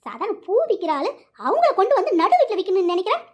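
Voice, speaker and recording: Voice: very high-pitched, very animated, fast talker, music in the background. A performer voicing a domineering, money-minded middle-aged mother in a cartoon, scolding her son in a bossy, colloquial way. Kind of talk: cartoon voice acting.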